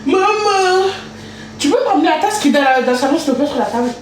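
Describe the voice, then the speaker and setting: A high-voiced woman talks and sings on a live stream from her kitchen at home. She is playful and chatty. The room is very echoey, with clear noise behind her. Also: animated, quick pace, far from the mic. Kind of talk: casual live stream chat.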